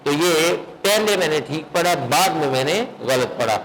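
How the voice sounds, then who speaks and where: A man teaching a recitation class, quizzing his students on the rules and chanting verses slowly to show how they are read. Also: on the high side, lively intonation, fairly bright tone, slight background noise, low-quality recording. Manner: questions students, then chants verses in slow melodic recitation. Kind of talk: classroom lesson.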